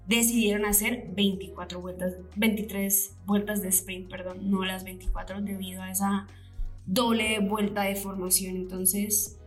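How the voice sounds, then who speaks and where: A woman's voice: mid-range voice, reverberant. A woman co-hosting a podcast, chatting casually about a race and acting out her own reactions with gasps and whispers. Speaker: podcast co-host. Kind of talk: casual chat recapping a race.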